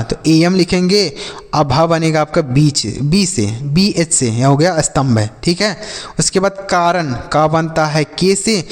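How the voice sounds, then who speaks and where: A man, patiently teaching spelling step by step in a lesson. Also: fairly high pitch. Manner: patient, repetitive step-by-step explaining. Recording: long reverb.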